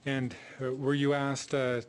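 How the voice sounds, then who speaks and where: A man's voice: medium pitch, monotone, a little slow, smooth. A man working as an attorney, questioning a witness with frequent hesitations and fillers, heard in a courtroom recording. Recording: courtroom recording with faint background noise.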